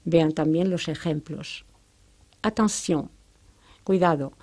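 A woman teaching French, explaining sounds and grammar with a clear, careful delivery and French examples. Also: deep voice, takes it slowly, darkish tone.

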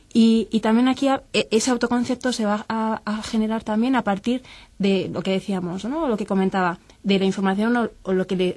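A woman guest speaks in a mid-range voice, explaining child development and slipping into quick parent-child scenes to make her points. The sound is dry and close, with no room echo. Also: mid-range voice, a little mellow. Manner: explains with everyday examples, acting out parent and child. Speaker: guest expert.

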